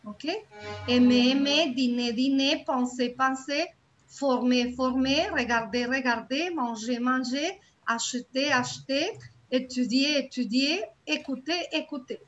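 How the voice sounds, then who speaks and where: Woman, teaching French online. High, unhurried, lo-fi call audio. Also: soft background music. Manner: patient, repeats words slowly and checks for understanding. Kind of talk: live online class teaching grammar.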